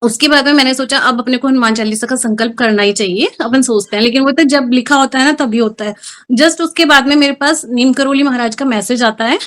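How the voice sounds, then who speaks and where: High pitched middle aged woman telling her story in an interview, earnest, mixes in english words. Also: brisk, fairly bright tone. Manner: emotional, earnest storytelling with Hindi-English mixing. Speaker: guest. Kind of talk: personal testimony interview.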